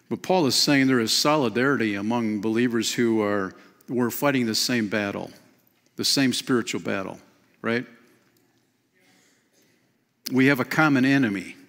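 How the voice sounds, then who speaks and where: A man in his fifties preaching a sermon from a lectern in a church, lively and emphatic, often calling listeners "man" and "friend". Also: mid-range voice. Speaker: pastor. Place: church stage behind a clear lectern. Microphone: lectern mic. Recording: long church hall reverb.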